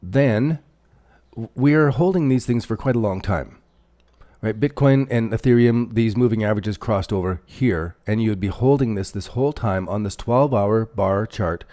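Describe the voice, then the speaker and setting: Hosting a casual crypto livestream, a man with a Canadian accent talks at a normal speed in a mellow voice on the low side. He wanders through his thoughts aloud while drawing on charts and responding to viewer chat.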